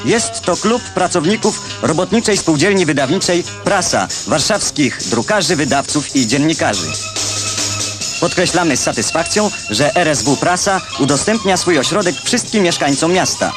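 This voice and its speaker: A man's voice: a little high, lively intonation, moderate pace. A man narrating an old newsreel in a scripted, wry and ironic way, with music behind him. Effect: old newsreel recording.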